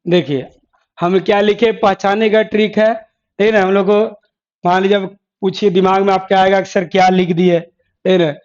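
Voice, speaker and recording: There's little movement in this man's high-sitting, darkish voice, and he keeps a moderate pace. He's giving an exam-prep classroom lecture with board examples, repeating key terms and asking then answering his own questions. The recording is dull and lo-fi.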